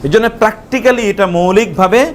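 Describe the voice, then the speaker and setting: A man with a Bangladeshi accent teaching a live Arabic class, explaining slowly and repeating each word for his students to answer. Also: sits high.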